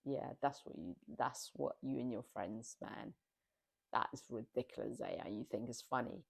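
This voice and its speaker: A woman's voice: a bass voice, moderate pace, vocal fry, breathy edge. A woman giving casual, exasperated commentary on a reality TV show, scolding the people on it.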